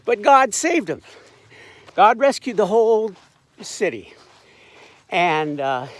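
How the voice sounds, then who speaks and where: A man casually retelling a Bible story as a satire, irreverent and wry, with frequent asides and restarts. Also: a little high. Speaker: informal Bible commentator.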